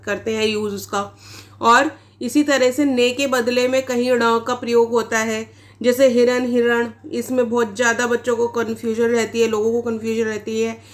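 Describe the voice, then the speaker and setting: A woman teacher giving an exam-prep lecture, explaining points step by step and asking rhetorical questions as she goes. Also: on the high side. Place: online class recording.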